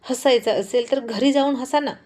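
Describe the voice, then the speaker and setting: A woman's voice: high voice, moderate pace, darkish tone, natural voice. A woman voicing a haughty, rude rich young woman who complains sharply and scornfully.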